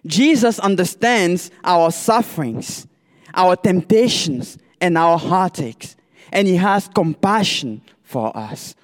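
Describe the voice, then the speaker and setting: A man delivers a sermon at an unhurried, measured pace, pausing to pose rhetorical questions to his listeners. His voice sits notably high for a man, and it rings out with the long reverb of a church hall. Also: animated. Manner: slow, deliberate preaching with rhetorical questions. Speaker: pastoral candidate preaching.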